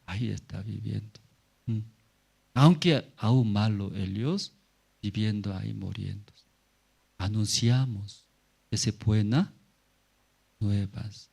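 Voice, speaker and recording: A man's voice: on the low side, creaky, darkish tone, breathy edge. A man preaching a Sunday sermon as pastor, in simple broken phrases full of rhetorical questions and short acted-out lines. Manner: often acts out Bible characters in a raised voice.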